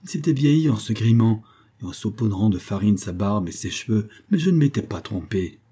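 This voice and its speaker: A man voicing a reckless, hot-headed ex-convict who speaks in an excited, breathless, shouting way. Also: lowish voice, fairly quick, husky. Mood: triumphant.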